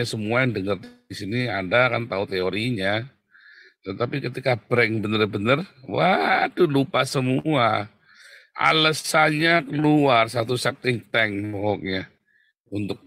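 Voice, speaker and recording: Gravelly-voiced pastor, lively colloquial sermon. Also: male voice, measured pace, dry recording, clean studio sound. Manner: animated, jumps to loud high exclamations and acted quotes; colloquial, addresses listeners as Saudara.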